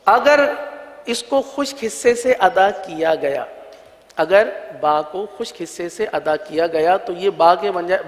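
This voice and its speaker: A man teaching a religious recitation lesson, patiently sounding out each letter slowly and repeating it for learners to copy. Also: sits high, big-room sound.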